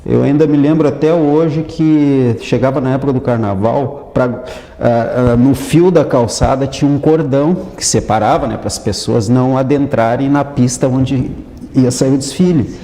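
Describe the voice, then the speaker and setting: Man, 50s, reflective, mellow voice, echoey room with long reverb. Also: mid-range voice, a little hiss or hum. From Porto Alegre, Brazil. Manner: unhurried, reflective, with many restarts and tag questions. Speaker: retired police chief, guest. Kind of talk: casual interview talk.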